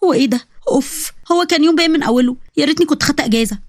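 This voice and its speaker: Woman doing a tired young delivery girl, egyptian accent, blunt and fed up, fast. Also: high voice, no echo, clean studio sound, close to an everyday voice. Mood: exasperated. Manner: blunt and exasperated.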